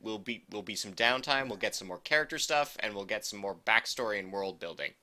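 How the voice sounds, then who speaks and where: A man co-hosts a casual podcast chat, rambling and correcting himself with a wry edge. His voice is on the low side, animated and brisk, with a sharp tone.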